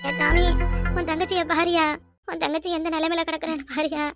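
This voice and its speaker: A woman voicing an elderly village mother in a cartoon, with a Kanyakumari Tamil accent and a loud, wailing, lamenting manner. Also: very high-pitched, level tone, brisk, gravelly, music in the background. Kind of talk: cartoon voice acting.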